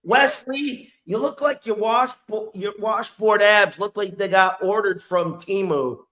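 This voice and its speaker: A man's voice: high-pitched, a little slow, a bit bright, slight background noise. A man hosting a podcast, delivering a profane comedic roast full of crude mocking insults. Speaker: podcast host.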